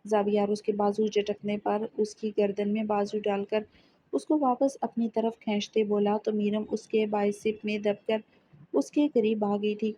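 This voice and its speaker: A woman reading a romance novel aloud as narrator, steady and measured. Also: mid-range voice, husky. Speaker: audiobook narrator.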